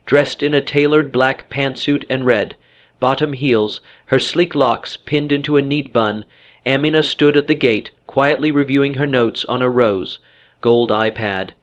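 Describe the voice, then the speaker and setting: A man reading a dramatic story as its narrator, steady and scripted. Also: mid-range voice, measured pace, no room sound, highs cut off.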